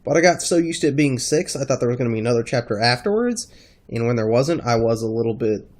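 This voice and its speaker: Guy with a stuffy nose chatting about games, rambly n halting, kinda casual vlog talk. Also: mid-range voice, expressive, darkish tone. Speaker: gaming video creator.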